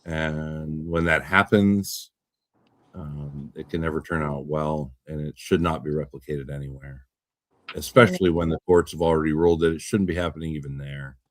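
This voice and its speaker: Deep-voiced man rambling in casual talk. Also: steady tone, normal speed, no echo. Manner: rambling, repeats words, swears when riled. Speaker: podcast host. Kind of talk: casual political chat.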